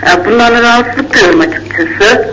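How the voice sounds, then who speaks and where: A woman's voice: on the high side, moderate pace, fairly bright tone. A woman from Istanbul calling a radio advice show over a landline phone, polite and a little hesitant. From Istanbul, Turkey. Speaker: caller. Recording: muffled, hissy phone line.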